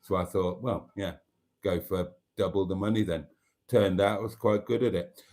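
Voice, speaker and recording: A Welsh man from Wales, a native speaker of Welsh, hosts a casual live stream and muses in a meandering way, full of fillers and restarts. His voice sits low and a little mellow, with fairly even intonation and a normal speed.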